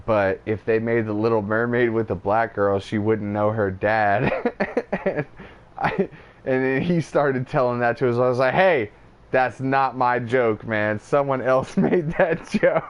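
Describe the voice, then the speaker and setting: A man's voice: medium pitch, unhurried. A man hosting a podcast in casual chat, teasing his co-host, swearing and laughing often.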